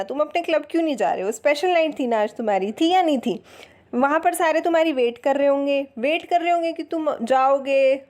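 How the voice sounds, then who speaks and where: High-voiced woman explaining a text. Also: darkish tone. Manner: reads English lines slowly, then explains in Hindi. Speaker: English teacher. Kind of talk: line-by-line lesson explanation.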